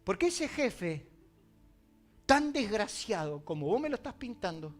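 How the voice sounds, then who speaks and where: Argentine male pastor, high bright voice, dramatic sermon delivery with soft music beneath. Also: very animated, measured pace. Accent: Argentine Spanish. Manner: dramatic, swings from loud emphasis to quiet asides.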